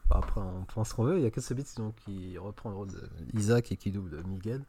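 A man reviewing a film on a podcast, enthusiastic and opinionated, often pausing on fillers. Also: lowish voice, dark tone, a little hiss or hum. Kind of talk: casual podcast chat.

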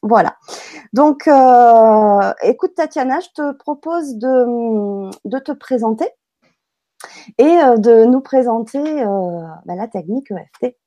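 Woman host, warm and friendly, dry studio sound. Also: fairly high pitch, expressive, takes it slowly, dry recording. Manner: friendly, many fillers. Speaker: host of a live online show. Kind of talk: casual live interview hosting.

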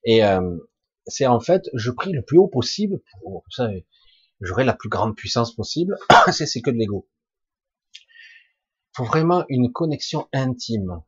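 Husky-voiced man in an informal spiritual talk. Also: medium pitch, very animated, no room sound, lo-fi sound. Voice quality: husky, rough voice. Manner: halting and emphatic, with colloquial swearing and sound-effect words. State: coughing now and then. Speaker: spiritual teacher answering listeners' questions live.

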